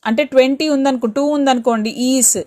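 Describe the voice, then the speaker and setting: Higher-pitched woman teaching a lesson. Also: fairly even intonation, a little fast, darkish tone. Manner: reassuring, explains step by step with rhetorical questions; mixes Telugu with English words. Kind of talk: exam-prep grammar lesson.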